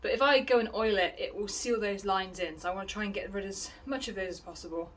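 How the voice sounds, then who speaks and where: A woman's voice: medium pitch, quick pace, a little hiss or hum, poor audio. A woman chatting practically through a DIY vlog as she works on her garden deck, with self-deprecating asides. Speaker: DIY vlogger. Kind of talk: casual vlog narration while working.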